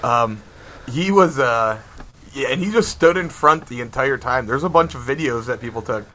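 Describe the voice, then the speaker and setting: A man's voice: medium pitch, animated, normal speed, sharp tone, slight background noise, rough recording. A man co-hosting a podcast remotely from home, telling band stories in a casual chat and laughing often as he imitates people. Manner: laughing storyteller, mimics people he quotes. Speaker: podcast co-host and band guitarist.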